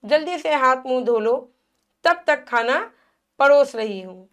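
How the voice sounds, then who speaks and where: A woman's voice: high voice, animated, measured pace, fairly bright tone. A woman reading as a doting, coaxing village mother. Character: doting village mother who spoils her son.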